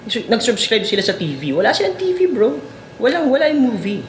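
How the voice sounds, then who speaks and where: A Filipino-accented co-host tells a story in easy Taglish, deadpan and dropping casual curses. The voice is mid-pitched. There is clear noise in a roomy, echoing space. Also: fairly quick. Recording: echoey room with noise.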